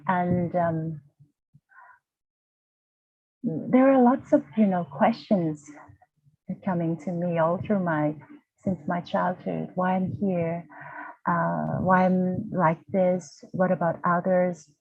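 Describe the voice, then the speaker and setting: This guest, a university lecturer from Vietnam in her 40s, recounts her personal story slowly and hesitantly, pausing often and restarting while she hunts for words. Her lowish voice keeps a steady tone. The recording is a dry, tinny video call.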